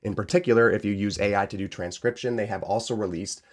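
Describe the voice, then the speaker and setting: A man's voice: lowish voice, fast talker. A man hosting a solo tech podcast, upbeat and explanatory, taking care with a tired voice. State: saving a tired voice. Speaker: podcast host.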